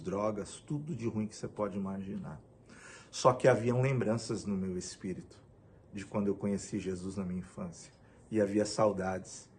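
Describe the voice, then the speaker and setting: A middle-aged man from Brazil tells his personal testimony in a gravelly, creaky voice. He talks in an emotional storytelling way, acting out the dialogue as he goes. A faint noise sits under his voice. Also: lowish voice, a little mellow. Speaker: pastor.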